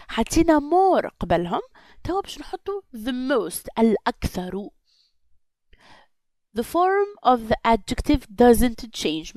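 A Tunisian-accented woman teaches an English class in a fairly high voice. She speaks very slowly and repeats each sentence with care, and the recording is close and dry, with no room sound. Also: a little mellow, no echo, low-quality recording. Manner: repeats sentences slowly and carefully, then translates. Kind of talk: slow classroom explanation, switching between English and Arabic.

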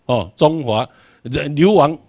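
A man's voice: fairly high pitch, lively intonation, takes it slowly, darkish tone. A man from Tainan with a Taiwanese accent, giving a classroom lecture, emphatic, putting rhetorical questions and answering them himself. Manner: emphatic, repeats key words for drilling.

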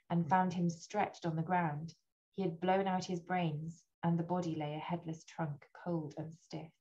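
A low-voiced woman reads a gothic essay in a measured, deliberate manner. The recording is dull and muffled, slightly lo-fi. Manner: steady and deliberate, with an occasional slip and restart. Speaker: literary scholar reading aloud.

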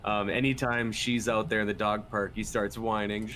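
A man from Minnesota streaming a game, chatting in a relaxed, rambling way with um and uh fillers. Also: lowish voice, normal speed. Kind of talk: casual live-stream chat.

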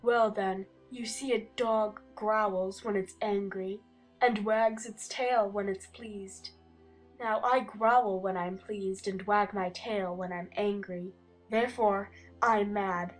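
Slow-talking, mad Cheshire Cat played by a woman. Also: medium pitch, steady tone, faint music behind, low-quality recording. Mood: teasing. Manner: teasing, matter-of-fact riddling. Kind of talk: dramatized audiobook acting.

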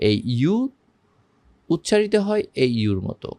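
A man's voice: on the high side, sing-song, unhurried, warm tone, dry recording. A man teaching English grammar with a Bengali accent, repeating examples and checking in with the viewer. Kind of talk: grammar lesson for Bengali speakers.

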